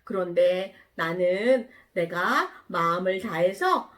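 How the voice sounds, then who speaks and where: A woman voicing God in a children's Bible story, speaking gently and patiently to a prophet. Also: on the low side, expressive, slow, voice pushed down. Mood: gentle. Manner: gentle, explaining, coaxing.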